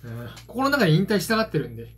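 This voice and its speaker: High, very animated and rapid-fire, with a bit of brightness and a breathy edge, this Japanese card game vlogger in his forties chats casually to the camera. He's at home in a small, dim room with a phone propped at arm's length, rambling and dropping hesitant, self-mocking remarks.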